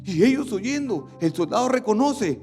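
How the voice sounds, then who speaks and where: A man pastor preaching a sermon dramatically, swinging between loud outbursts and hushed lines. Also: sits high, expressive, moderate pace, faint music behind.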